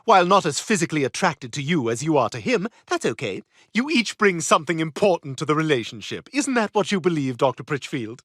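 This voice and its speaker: A man's voice: a little high, very animated, brisk, few pauses, a bit bright, dry recording, studio quality. An actor voicing a snobbish, catty British baby boy in a cartoon, talking in a posh, cutting, theatrical way. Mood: probing. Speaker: patient. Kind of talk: cartoon voice acting.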